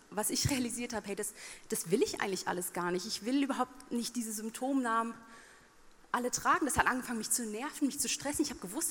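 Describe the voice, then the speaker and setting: A woman's voice: on the high side, a little hiss or hum. Woman preaching in a reverberant hall. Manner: earnest, direct and colloquial, addressing listeners as "du". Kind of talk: sermon. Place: church service with a worship band. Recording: reverberant hall with loud band music behind.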